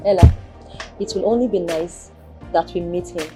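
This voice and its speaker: A woman's voice: on the low side, moderate pace, mellow, faint music behind, lightly acted. An actress playing a protective, concerned woman of the household in a film drama, with a Nigerian accent.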